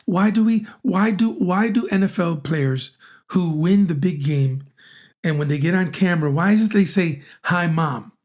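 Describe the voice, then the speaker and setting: A man in his forties co-hosting a relationship podcast, talking in an animated, teasing way and often repeating his words as he starts a thought. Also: sits high, moderate pace. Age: 40s. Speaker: podcast co-host. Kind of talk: casual chat.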